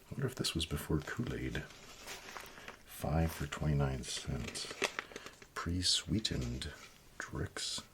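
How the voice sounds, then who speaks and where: A middle-aged man doing soft-spoken ASMR, musing aloud in a near whisper with pauses, over crinkling paper. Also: rumbling low. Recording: steady noise, paper crinkling and clicks. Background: newspaper crinkling and page turning.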